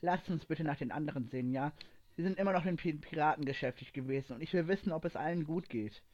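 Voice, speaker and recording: Guy voicing a quiet calm soldier dude, soft and low-key, dull muffled sound. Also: quick pace, close to an everyday voice. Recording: dull lo-fi recording.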